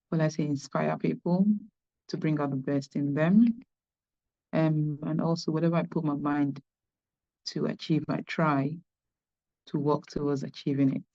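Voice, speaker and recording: A woman from Nigeria, introducing herself hesitantly and softly from an office over a video call. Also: low voice, gravelly. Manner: hesitant, many fillers, speaking softly. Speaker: workshop participant introducing herself. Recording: dull lo-fi video call audio.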